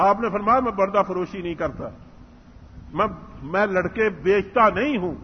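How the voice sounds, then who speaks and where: A man's voice: high-pitched, a little hiss or hum. A man giving a religious lecture, telling a story earnestly and acting out its dialogue. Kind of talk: Islamic lecture. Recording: muffled hall recording with long reverb.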